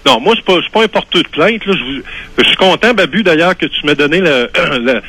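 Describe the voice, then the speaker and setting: A man's voice: fairly high pitch, lively intonation, brisk, bright, forceful tone, breathy edge, dry recording, poor audio. A man in his fifties with a Québécois French accent, calling into a radio show and reading a formal statement with hesitant restarts. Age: 50s. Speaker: caller. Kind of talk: phone call into a radio show.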